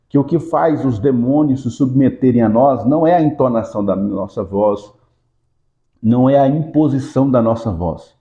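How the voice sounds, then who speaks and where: Man, pastor-teacher, deep mellow tone, patient step-by-step explainer, echoey room. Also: lo-fi sound. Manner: raises pitch in rhythmic command when casting out. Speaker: pastor and Sunday school teacher. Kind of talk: Bible lesson with a hands-on demonstration.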